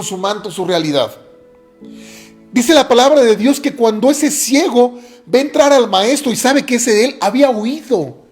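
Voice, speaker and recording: Earnest preacher with faint music. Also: mid-range voice. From Mexico. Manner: earnest, repeats key phrases for emphasis. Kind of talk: sermon.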